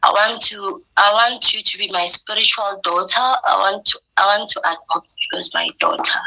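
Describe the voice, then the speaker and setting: A young woman recounts her own story in an interview, speaking with a very bright, sharp tone. She acts out the lines she quotes and keeps her storytelling animated. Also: mid-range voice, normal speed, rough recording. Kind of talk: personal testimony in conversation.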